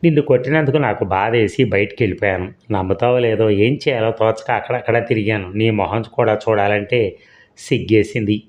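A man's voice: lowish voice, a little fast, lightly acted. A man reading a remorseful, hot-tempered husband. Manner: coaxing, then regretful and pleading. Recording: dull lo-fi recording.

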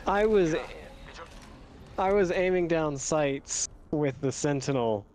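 A man's voice: a little high, expressive, takes it slowly, darkish tone. A man chatting during a game with a teammate, hesitant with many ums and a dry sense of humor. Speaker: gamer. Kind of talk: casual gaming voice chat.

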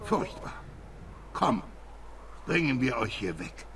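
A man voicing a gruff, seasoned warrior uncle in a German game dub, with a gravelly voice. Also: mid-range voice, big pitch swings, takes it slowly, a little hiss or hum. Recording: game audio with loud music behind.

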